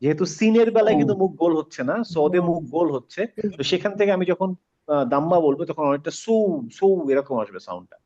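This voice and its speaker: Patient male tutor, slightly high voice, muffled call audio. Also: expressive, warm tone. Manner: patient, repeats sounds slowly, asks students questions. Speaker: Quran recitation teacher. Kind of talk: online class lesson.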